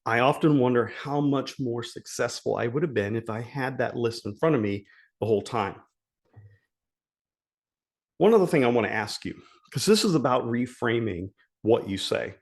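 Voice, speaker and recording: A man's voice: mid-range voice, normal speed, vocal fry. A man giving a motivational coaching talk, earnest and emphatic, repeating key phrases for effect. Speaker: life coach.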